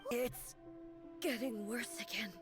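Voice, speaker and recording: An actress playing a solemn, proud and weary female shogun in a video game, formal and halting. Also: on the high side, fairly bright tone. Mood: weakened, halting. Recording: music behind.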